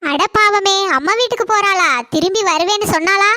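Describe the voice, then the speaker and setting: A woman's voice: very high voice, a little fast, sharp tone. A woman voicing a gossipy, stingy middle-aged housewife in a cartoon, with a Kanyakumari Tamil accent and a tart, chatty manner. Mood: gossiping. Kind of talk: cartoon comedy dialogue.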